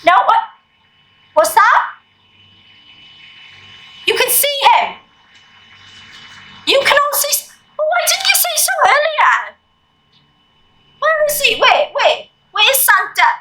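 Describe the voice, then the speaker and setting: Woman playing a bubbly Christmas elf fitness coach for kids: very high, squeaky, slightly hoarse, unhurried. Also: very animated, sharp tone, heavily acted, low-quality recording. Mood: excited. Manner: chirpy, coaxing, talks to the children. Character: cheery female Christmas elf, bubbly and playful. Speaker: fitness instructor. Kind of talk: children's online exercise class.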